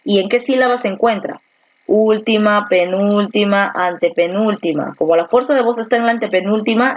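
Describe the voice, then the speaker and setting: A woman teacher giving an online class, patiently repeating words slowly to show where the stress falls and asking the student questions. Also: medium pitch, highs cut off. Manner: asks rhetorical questions to the student. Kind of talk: virtual class lesson.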